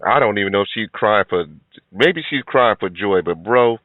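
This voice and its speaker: A man's voice: fairly low pitch, animated, moderate pace, some chatter behind, a little hiss or hum. A middle-aged man giving blunt, preachy reaction commentary, lecturing his listeners. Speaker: commentary video host. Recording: tinny, phone-like, dry sound.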